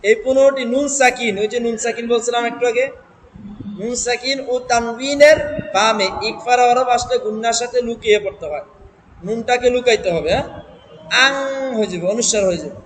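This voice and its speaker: A man's voice: extremely high pitch, a little fast, a little hiss or hum, poor audio. A man teaching Quran reading who sounds out syllables one by one, repeats them and quizzes his listeners, with a Bangladeshi Bengali accent. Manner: drills syllables aloud, repeating and asking the class. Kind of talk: step-by-step reading lesson.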